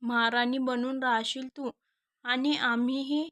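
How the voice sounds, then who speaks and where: A woman's voice: sits high, fairly even intonation, measured pace, fairly bright tone, no room sound, lo-fi sound. A woman voicing a smug, greedy older man in a storybook reading. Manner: smug, coaxing. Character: older man, greedy father-in-law type.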